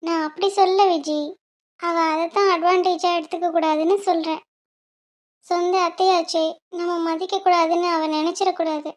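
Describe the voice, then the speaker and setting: A woman voicing a lecturing high-voiced mother. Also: flat delivery, moderate pace. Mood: advising. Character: caring middle-aged mother, fond of advice. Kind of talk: cartoon voice acting.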